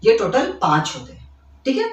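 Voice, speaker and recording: A man teaches grammar to school students in a classroom-style explanation, repeating points, checking in with "ठीक है" and quick questions, and fondly calling them kids. His high voice swoops wildly in pitch and is a bit bright. He's recorded from a distance in an echoey room.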